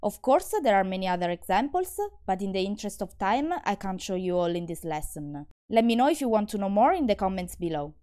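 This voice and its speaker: A woman with an Italian accent teaching a language lesson, saying example words slowly and clearly, with a friendly, encouraging manner. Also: mid-range voice, expressive, warm tone.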